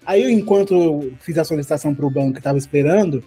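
Brazilian man guest, casual chat. Dark, mellow, husky tone; tells rambling anecdotes at a fast pace. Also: fairly high pitch, soft background music. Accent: Brazilian Portuguese. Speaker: podcast guest.

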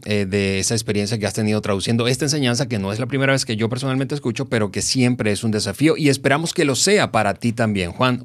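A man's voice: medium pitch, dry recording, studio quality. A male podcast host thanking his guest and closing the episode in an inviting tone. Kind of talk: podcast outro.

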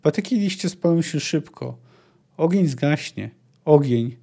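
A man reading a desperate teenage girl sorceress, bitter and feeling betrayed, with pleading lines that rise to shrill cries. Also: lively intonation, a little slow, gravelly, warm tone, husky, heavily acted. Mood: anxious.

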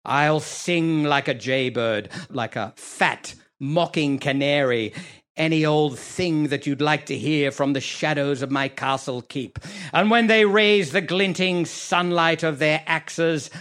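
An actor playing the scheming, bawdy villain Iago in a theatrical monologue, sneering and leering, dropping to muttered asides and rising to loud rants. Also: male voice, fairly high pitch, slow. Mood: defiant, ranting. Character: scheming bawdy male villain Iago, self-pitying braggart.

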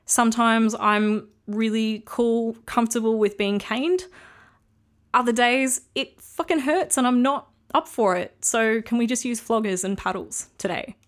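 A woman's voice: on the high side, a little slow. A woman hosting a solo podcast, talking casually and frankly as she gives earnest advice. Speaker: podcast host.

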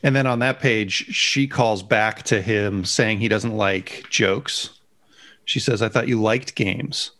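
A man's voice: fairly low pitch, takes it slowly, fairly bright tone. A man co-hosting a casual comic book podcast, dropping dry joking asides. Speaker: podcast co-host.

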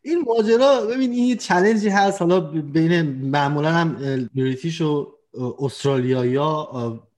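A man hosting a casual conversation, talking in a halting way with many fillers and restarts. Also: a little high, a little mellow. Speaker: host. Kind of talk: casual chat.

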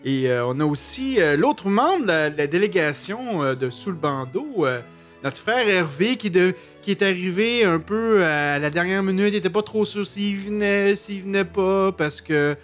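A man's voice: sits high, lively intonation, normal speed, a bit bright, faint music behind. A man with a Québécois accent hosting a casual radio chat, joking and laughing at his own puns, with plenty of fillers. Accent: Québécois French. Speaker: radio show host.

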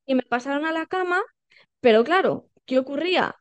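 A woman, telling her birth story as a podcast guest, animated and acting out quoted dialogue with many fillers. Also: sits high, fairly quick, dry recording. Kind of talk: personal birth story told in conversation.

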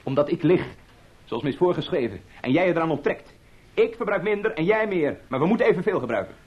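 Man voicing a rule-bound astronaut, husky, insistent, lively swings in pitch. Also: fast, muffled recording. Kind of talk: radio drama.

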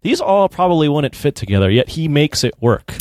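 A man co-hosts a film review podcast, chatting casually in a slightly high, darkish voice that swings widely in pitch and runs a little fast. He animatedly acts out imagined reactions and uses "like" constantly. The studio sound is clean, with no echo.

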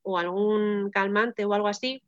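A woman, telling a personal story in conversation, acting out the voices she quotes and pausing often to find her words. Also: mid-range voice, fairly even intonation, fairly bright tone, no echo. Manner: vivid retelling, acting out quoted voices, frequent hesitations. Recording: dull, dry, slightly lo-fi recording.

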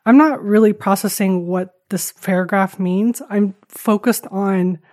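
A Taiwanese woman appears as a podcast guest, talking candidly and a bit hesitantly with a self-deprecating touch. Her mid-range voice is darkish and fairly even, delivered at a measured pace, in a dry, clean studio recording.

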